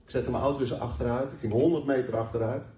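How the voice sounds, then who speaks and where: A man's voice: mid-range voice, steady tone, fast talker, mellow. A man preaching a sermon, telling a personal testimony in an earnest storytelling way and reading scripture aloud. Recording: roomy, distant, dull hall mic.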